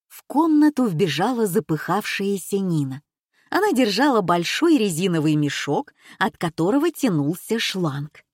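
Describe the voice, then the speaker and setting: A woman narrating an audiobook in an even, unhurried storytelling manner. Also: medium pitch, breathy edge, no echo, clean studio sound.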